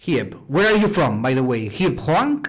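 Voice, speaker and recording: A man's voice: medium pitch, big pitch swings, normal speed. A man from Spain with a Spanish accent, teaching a live online programming class in a chatty way, often repeating words and answering viewers' chat. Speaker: online robotics instructor. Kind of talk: live-streamed coding class.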